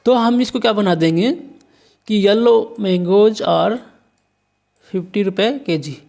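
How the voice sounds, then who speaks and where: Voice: mid-range voice, takes it slowly, gravelly, darkish tone. A teacher from India walking through an exam paper, spelling words letter by letter and answering their own questions. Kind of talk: exam paper walkthrough lesson.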